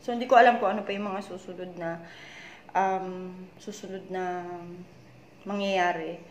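Filipina mom telling her story, voice low n tired, echoey room w/ faint hum. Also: fairly even intonation, moderate pace. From Philippines. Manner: retells conversations, repeatedly tagging them with "she said"; worried, confiding tone. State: voice low and weak. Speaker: vlogger. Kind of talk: personal story-time vlog.

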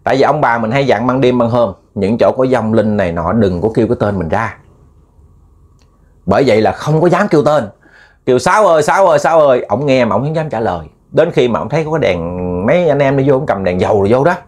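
A man's voice: mid-range voice, animated, fast, darkish tone. Southern Vietnamese man telling ghost stories. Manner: chatty, repetitive, addresses listeners as family. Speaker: ghost storyteller. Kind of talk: casual spoken storytelling.

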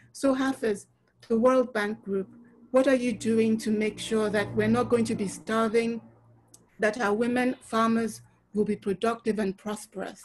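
A woman's voice: fairly high pitch, a little hiss or hum. Woman moderating a video call. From Nigeria. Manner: warm, effusive, many filler ums. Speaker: webinar moderator. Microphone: laptop webcam video call.

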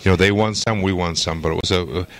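An older man coaching hockey, answering post-game interview questions in a measured, halting way full of "uh" fillers, into a handheld mic at an arena backdrop. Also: low voice, steady tone, fairly bright tone, poor audio. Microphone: handheld mic held by interviewer.

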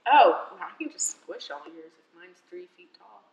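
A woman's voice: lowish voice, lively intonation, normal speed, highs cut off. A woman joining as a guest in a casual card game, laid-back and laughing through her words. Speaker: guest player. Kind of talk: casual chat. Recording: echoey room, mic at a distance.

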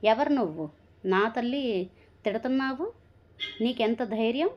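A woman voicing an anxious, protective young daughter in a narrated story, asking high, pleading questions, on a dull lo-fi recording. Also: unhurried, a little hiss or hum, natural voice. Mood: angry, distressed.

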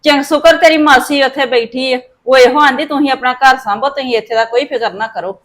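A woman's voice: sits high, a little fast, natural voice. A woman playing an aggrieved, long-suffering mother of grown children in a family drama. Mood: complaining. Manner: complaining. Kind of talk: dramatic dialogue in a family serial.

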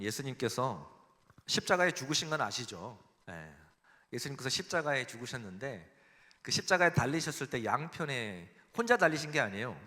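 Bright-voiced Korean pastor preaching in a hall. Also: male voice, mid-range voice. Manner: emphatic, acts out quoted voices, leads the congregation in reading. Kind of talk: sermon. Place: church sanctuary. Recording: long reverb in a church hall.

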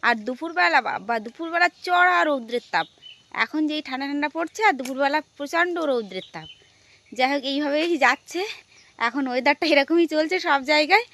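A woman with a Sundarbans Bengali accent chats to her viewers while walking outdoors in the village. Her voice sits high and she talks casually, pointing things out as she goes, recorded on a handheld phone. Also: expressive, a little fast, fairly bright tone. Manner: chatty, addresses viewers as friends. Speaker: vlogger. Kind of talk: casual vlog narration.

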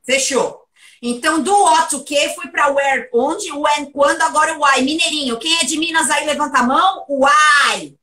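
A woman giving a private English lesson, lively and playful as she runs question drills. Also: high-pitched, normal speed, distant mic. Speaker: English teacher.

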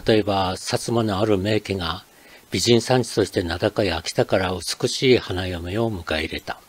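An older man from Akita, Japan, reading a scripted narration as channel host in a measured, explanatory way. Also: sits low, breathy edge.

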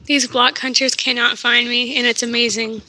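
A woman playing along in a casual gameplay chat, playful and giggly with quick reactions. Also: on the high side, flat delivery, bright, forceful tone, rough recording. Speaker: gaming co-player.

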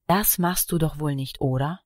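A woman's voice: sits low, moderate pace, a little mellow, no room sound, clean studio sound. A woman reading the part of a bossy, protective sister who speaks sternly. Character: bossy, sly younger sister who always wins.

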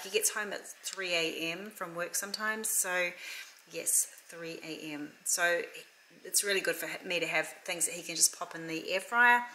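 Bright-voiced chatty mum. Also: female voice, lowish voice, a little hiss or hum, poor audio. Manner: chatty, upbeat, rambling asides. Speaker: lifestyle vlogger. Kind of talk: casual chat to camera. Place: home room, then kitchen table.

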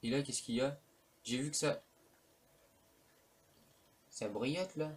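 A man's voice: mid-range voice, unhurried, husky. Rambling man commenting on a game. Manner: rambling, hesitant, filler-heavy, casual slang. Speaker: let's play commentator. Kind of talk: casual gameplay commentary. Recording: faint background noise.

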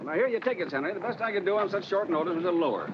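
An actor playing a brisk, commanding older boss of a law firm in a 1930s film, on a dull old soundtrack with hiss. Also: male voice, high voice, expressive. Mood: stern.

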